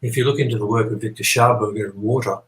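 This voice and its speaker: A man's voice: fairly low pitch, fairly even intonation, fast, a bit bright. A man being interviewed, explaining his ideas in a rambling, earnest, conversational way, often repeating points and checking he is followed. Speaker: interview guest. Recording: echoey, roomy sound.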